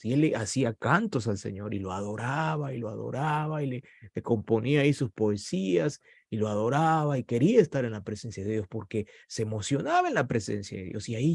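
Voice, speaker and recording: A man's voice: gravelly, darkish tone, slightly rough, no room sound, clean studio sound. A man preaching a sermon with passion, his voice rising sharply at points of emphasis. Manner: impassioned preaching with sudden rises in pitch. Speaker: pastor.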